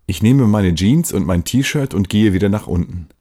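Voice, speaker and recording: A man with a low, husky voice reads out his own story. He narrates in the first person, plain and steady, from a prepared script. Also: moderate pace.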